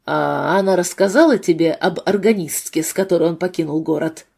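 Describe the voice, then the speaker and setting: A woman voicing a bitter, wounded husband with a low, muffled voice in a read-aloud novel. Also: fairly quick, vocal fry, breathy edge. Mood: hushed. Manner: bitter, hushed.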